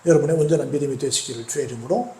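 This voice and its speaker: A man's voice: on the high side, very fast, warm tone, a little hiss or hum. A man preaching a sermon as a pastor, retelling scripture, asking the congregation questions, and acting out the quoted lines. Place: church sanctuary. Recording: echoey church hall.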